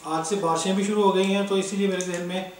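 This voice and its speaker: A man's voice: high voice, flat delivery, fast talker, a little hiss or hum. A man with a Pakistani Urdu accent, selling fabric in a casual chatty way, talking straight to his customers with fillers. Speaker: online cloth seller. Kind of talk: casual sales talk. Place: indoors, filming fabrics on a table. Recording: very echoey room, voice somewhat far off.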